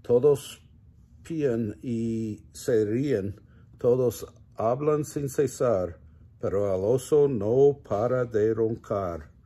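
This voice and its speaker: An older man reads a children's picture book aloud at an unhurried, unrushed pace. His voice is warm and mellow, with a slightly husky grain. He now and then trips over a word and corrects himself gently. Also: medium pitch. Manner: slow, gentle reading with small stumbles and self-corrections. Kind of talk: children's story read-aloud.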